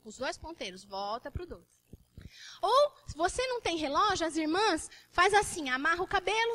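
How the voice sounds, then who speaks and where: A woman with a Brazilian Portuguese accent preaching a sermon to a church, telling a story with animated, repetitive emphasis. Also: high-pitched.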